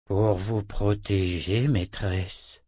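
A man's voice: fairly low pitch, fairly even intonation, extremely slow, warm tone, husky, no echo, exaggerated voice. A man voicing a humble talking wolf.

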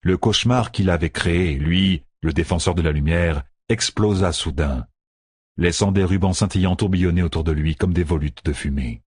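A man narrating a story in a measured, dramatic way. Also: low-pitched, husky, no room sound. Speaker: audiobook narrator. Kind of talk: scripted narration. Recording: dry close recording.

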